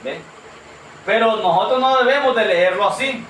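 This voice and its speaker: A man's voice: high-pitched, normal speed, fairly bright tone, a little hiss or hum. A man preaching a sermon to a congregation, earnest and questioning, calling them brother. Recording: echoey room from far off.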